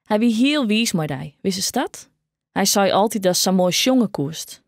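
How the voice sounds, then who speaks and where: A gentle teenage boy with a Frisian accent talks softly and openly about his grief, as a woman narrator reads him. The tone is plain and mid-pitched, with a dry, close storybook sound. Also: lively intonation, measured pace, dry recording. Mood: wistful.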